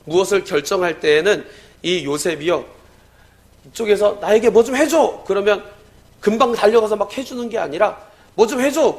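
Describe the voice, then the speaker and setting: A male pastor preaching a sermon, telling a story and swinging between loud exclamations and hushed lines. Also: sits high.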